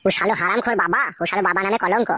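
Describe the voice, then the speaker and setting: A woman voicing a sulky young husband who mutters and swears in a low, sullen way. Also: very fast, very noisy, close to an everyday voice. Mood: cursing. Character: sulky grumbling young husband, son-in-law.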